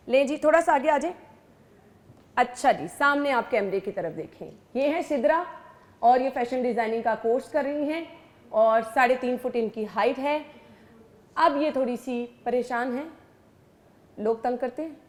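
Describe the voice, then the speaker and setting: Woman host, Lahore Urdu accent, polite interviewing, fairly high voice, long reverb. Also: normal speed. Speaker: TV show host. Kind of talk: TV interview hosting. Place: TV studio.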